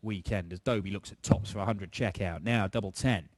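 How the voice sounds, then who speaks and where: A man's voice: lowish voice, fairly quick. A man giving live darts commentary with conversational analysis of the players and the play. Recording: clearly noisy live sports broadcast.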